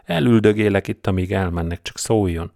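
A man's voice: deep voice, vocal fry, no room sound, clean studio sound. A man doing a jittery, squeamish police sergeant. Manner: nervous, squeamish, shouting into a radio. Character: jittery middle-aged male police sergeant.

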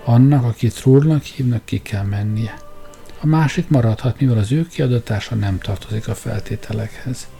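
A stern male town mayor in a storybook, speaking in cold and formal terms, as a male narrator puts him on. His voice is dark and gravelly. He does not give way. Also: mid-range voice, faint music behind, close to an everyday voice.

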